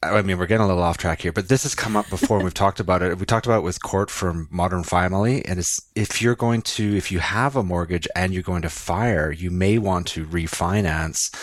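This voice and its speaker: Low-voiced podcast host. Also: male voice, a little fast, few pauses, no echo, clean studio sound. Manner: friendly, explanatory. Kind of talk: casual podcast chat.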